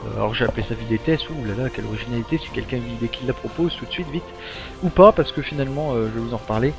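A man with a medium-pitched voice and vocal fry talks very fast in a casual update for his gaming channel's subscribers, rambling with plenty of ums and restarts. The sound is dull and lo-fi, with faint music underneath.

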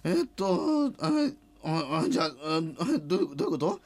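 In a comedic radio drama, an actor voices a middle-aged company president, sheepish yet good-hearted, who stutters and repeats words when rattled. His voice is a little high and darkish, very animated at a normal pace, with no echo, and he protests in a panic.

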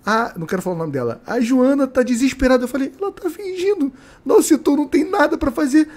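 Um homem na casa dos trinta com sotaque carioca, contando histórias animadas e imitando falas numa chamada de vídeo de casa. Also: male voice, extremely high pitch, fast talker. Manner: animated storyteller, acts out quotes. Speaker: podcast co-host. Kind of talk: casual storytelling chat. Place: home room.

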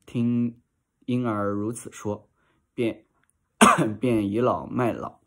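Slow, low-voiced male reader. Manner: steady, measured reading. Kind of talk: audiobook narration of a classic novel.

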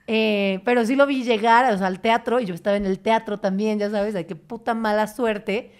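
A young woman with a Mexican Spanish accent, hosting a podcast and telling stories in a casual, animated way, acting out quotes. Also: medium pitch, normal speed. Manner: animated, swearing, acts out quotes. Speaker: podcast host. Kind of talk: casual chat.

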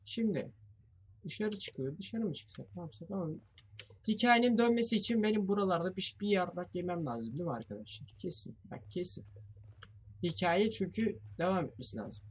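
A man's voice: sits high, animated, normal speed, slightly rough. A young man giving let's play commentary on a horror game, jumpy and swearing as he thinks aloud to his viewers. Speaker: gamer playing a horror game.

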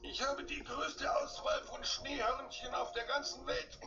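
A man's voice: extremely high pitch, fairly even intonation, unhurried, far from the mic. An actor playing a boastful snow-cone vendor in a cartoon game, with singsong salesman patter. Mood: eager. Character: manic boastful male snow-cone vendor rattling off absurd flavours. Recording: dull lo-fi game audio, music behind.

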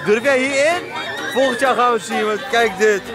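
A man's voice: very high-pitched, moderate pace. A man chatting casually for a family vlog, playfully urging children along with repeated phrases. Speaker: parent vlogger filming a family day out. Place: outdoors in an amusement park. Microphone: handheld camera. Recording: crowd and music behind.

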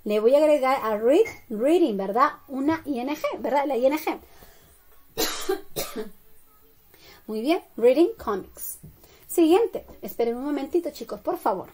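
A woman English teacher giving a slow bilingual classroom lesson, drilling each phrase and checking in with "okay?" and "right?". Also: high voice, animated, a little mellow. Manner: slow, deliberate drilling with frequent "¿ok?" and "¿verdad?" checks.

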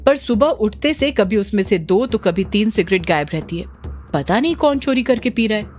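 A woman's voice: medium pitch, expressive, normal speed, a little mellow, slight background noise, natural voice. A woman doing Abhimanyu, a teasing young man. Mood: probing. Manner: teasing, probing questions.

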